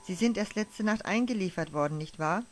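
A woman's voice: mid-range voice, a little fast, natural voice. A woman reading the part of a kind young night nurse who offers friendly, chatty comfort, over faint music. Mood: kindly.

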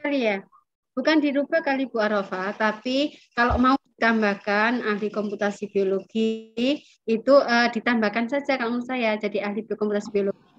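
A woman in an online work meeting giving feedback with hesitant pauses, her audio cutting in and out over a video call. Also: fairly high pitch, fairly even intonation, dull audio. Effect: choppy audio cutting in and out over a video call.

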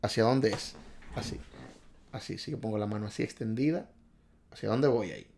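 Excitable man hosting a live quiz. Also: fairly low pitch, brisk, gravelly, slight background noise. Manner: excitable, reads out viewers' answers, jokes and scolds. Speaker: livestream host quizzing viewers on driving test. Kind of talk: casual live quiz stream.

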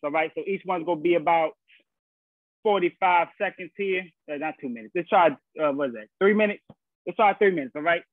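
A young male fitness instructor coaches a live online workout class with short, encouraging cues and countdowns. His voice sits high, with no echo, picked up by a laptop or webcam mic on a video call from a small carpeted room at home, so the audio sounds muffled and phone-like.

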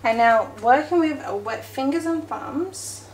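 This home cooking vlogger has a high-pitched voice with lively intonation and a slightly slow pace. She chats through a casual baking session, correcting herself while her hands stay busy. The recording picks up an echoey kitchen and faint noise.

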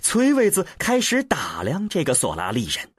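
A man narrating an audiobook with an expressive, deliberate storyteller's delivery. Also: fairly high pitch, husky, no echo, studio quality.

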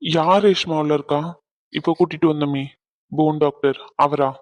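A woman's voice: sits low, steady tone, moderate pace, a little mellow, natural voice. A woman voicing a young male cartoon doctor. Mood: placating. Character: young male doctor, calm but defensive. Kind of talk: cartoon dubbing.

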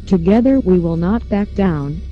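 Give me a disguised synthetic computer voice as an anonymous spokesperson, reading a scripted statement in a flat, measured way. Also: mid-range voice. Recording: muffled lo-fi audio with faint music.

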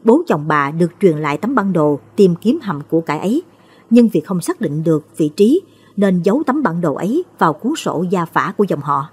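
A woman storyteller giving a measured, expressive late-night storybook narration. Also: on the low side, breathy edge.

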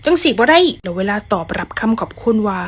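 Lively Isan Thai woman, husky voice. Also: mid-range voice, fast talker. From Thailand. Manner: lively, playful, acts out English phrases. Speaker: vlogger teaching English. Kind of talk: casual storytelling vlog.

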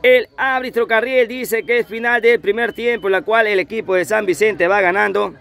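A man's voice: high-pitched, fairly even intonation, moderate pace, gravelly, fairly bright tone. A man giving live play-by-play football commentary, repeating his phrases over and over. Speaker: amateur football match commentator. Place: outdoors at a football pitch.

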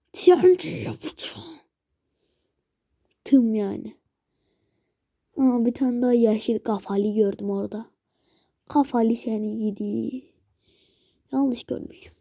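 A woman's voice: high-pitched, warm tone, no room sound, clean studio sound. A woman giving casual let's-play commentary as host, chatting to and pleading with game monsters as she plays. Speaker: gaming channel host.

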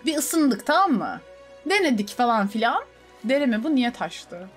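A woman's voice: on the high side, sing-song, a little slow, soft background music. A young woman streamer chatting casually over a city-building game, talking to herself and her chat. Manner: chatty, talks to herself and to chat, with sudden laughing outbursts. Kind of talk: casual gameplay commentary.

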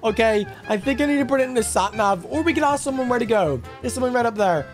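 Very high-pitched excitable male gamer. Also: fast, faint music behind. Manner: excitable, frantic, repeats words. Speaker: gaming video host. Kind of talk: excited gaming roleplay commentary.

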